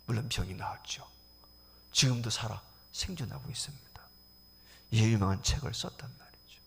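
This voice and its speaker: A middle-aged man, a senior pastor, preaching a sermon to his congregation, swinging between loud exclamations and hushed whispers. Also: lowish voice, normal speed, vocal fry, husky. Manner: addresses the congregation directly as "여러분".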